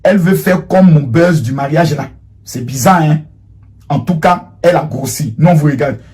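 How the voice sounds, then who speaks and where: A man giving an impassioned, accusatory monologue, swinging between loud outbursts and hushed lines. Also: on the high side, moderate pace. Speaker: public figure answering a former protégée.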